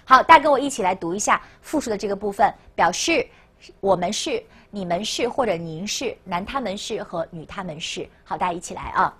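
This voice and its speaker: A woman teaching a language lesson, coaxing and repeating words slowly for students to echo. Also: medium pitch, animated, slightly rough. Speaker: French teacher.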